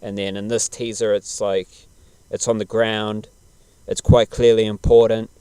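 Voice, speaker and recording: A man's voice: lowish voice, little pitch movement, unhurried, mellow, smooth, no room sound. A man chatting casually as a podcast host, laid-back, slangy and rambling. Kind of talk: casual podcast chat about television.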